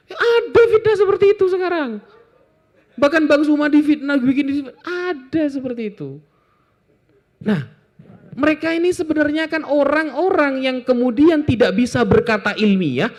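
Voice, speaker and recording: Animated joking man with a tinge. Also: high voice. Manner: joking, animated, lots of asides. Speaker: Islamic apologetics speaker. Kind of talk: informal talk to an audience.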